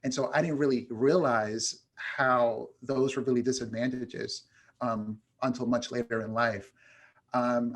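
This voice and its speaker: A New York man who grew up speaking Spanish appears as a guest on an interview show, where he's introduced as an education consultant. His voice is an ordinary middle pitch. He talks casually and reflectively, with many "um" pauses as he gathers his thoughts.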